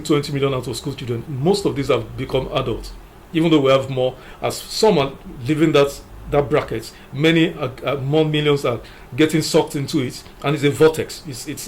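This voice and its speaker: Male commentator, mid-pitched, forceful and methodical, faint noise behind. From Nigeria. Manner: emphatic, lists numbered points, frequent "you know". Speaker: political commentator. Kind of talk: opinion commentary.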